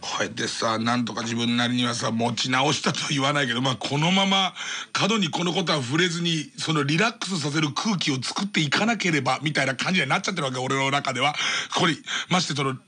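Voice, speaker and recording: A man's voice: mid-range voice, quick pace, pushed and bright, slightly rough. A man in his thirties hosting late-night radio, telling a comic story in a rambling, self-mocking way and laughing as he talks. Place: radio studio. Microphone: studio microphone. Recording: old cassette or MD radio recording.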